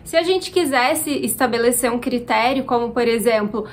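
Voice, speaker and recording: A woman from Brazil with a Minas Gerais accent, explaining Portuguese grammar clearly as a teacher answering viewer questions. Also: on the high side, normal speed, a little hiss or hum.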